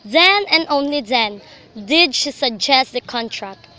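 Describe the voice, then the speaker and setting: Telling a scripted radio-drama story, a young woman speaks in a high, bright voice with a forward edge. Her delivery is expressive and unhurried.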